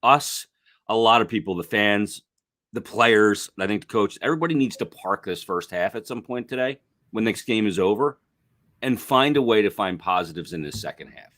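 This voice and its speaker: A man working as a hockey analyst, talking casually with a rough voice from illness, rambling with restarts. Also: lowish voice, lively intonation, normal speed, a bit bright, no room sound. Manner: rambling, restarts, self-deprecating. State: sick, rough voice. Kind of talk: casual sports chat.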